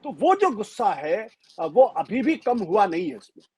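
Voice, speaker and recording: A man speaking as a political commentator in an interview, measured and emphatic, with frequent fillers and restarts. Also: high-pitched, sing-song, darkish tone, husky, no echo.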